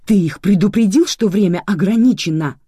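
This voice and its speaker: A reader voicing an indignant young woman who manages a café and shouts. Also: mid-range voice, normal speed, husky, no echo, clean studio sound, pitched above the performer's own voice, natural voice. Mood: furious.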